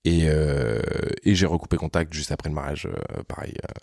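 A French man in his thirties, a podcast guest, telling his life story in a relaxed, slangy, rambling way. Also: very deep voice, moderate pace, gravelly, no room sound, studio quality. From France. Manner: rambling, slangy, frequent "tu vois" asides. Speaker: podcast guest, content creator. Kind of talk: casual storytelling conversation.

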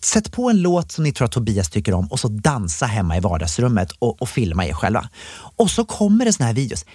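A man of middle pitch hosts a podcast in easy conversation, his voice swinging widely up and down. The sound is close and dry, with no room around it. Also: slightly rough, no room sound. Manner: expressive, swoops up when amused. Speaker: podcast host. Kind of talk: casual chat.

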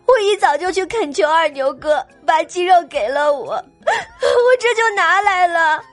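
A woman's voice: very high voice, expressive, measured pace, soft background music. A woman playing a sly young village girl who sobs through her lines in an audio drama. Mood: tearful pleading. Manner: sobbing.

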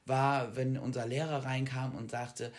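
A man co-hosting a casual chat podcast, telling stories in a lively way that swings between loud and quiet, with self-deprecating asides. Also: mid-range voice, a little slow. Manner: animated storytelling, jumps between loud and quiet. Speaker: podcast co-host.

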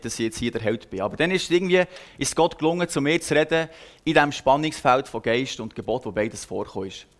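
A young man with a Swiss accent gives a personal sermon, telling a story in an earnest, conversational way with frequent hesitations. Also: mid-range voice. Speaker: preacher.

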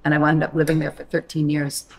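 Her voice sitting low and creaky, a middle-aged woman from Maine recounts her life on a casual podcast interview where she is the guest. She is a wine critic, and her telling is lively, dotted with quick laughs and frequent false starts.

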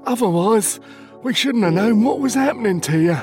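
A man voicing a calm radio contact who checks on the crew in prim, measured speech. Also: high-pitched, soft background music, pitched above the performer's own voice. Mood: relieved. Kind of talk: storybook character voice.

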